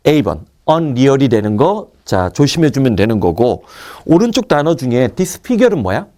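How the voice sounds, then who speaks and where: A man teaching an English vocabulary lecture, drilling word roots with quick asides to his students. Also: mid-range voice, big pitch swings, mellow. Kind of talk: recorded online lecture.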